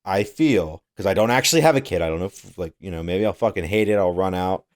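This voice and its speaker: A young man with a low voice talks fast as co-host of a casual podcast. He meanders through his ideas in easygoing chat, swearing heavily and laughing a lot.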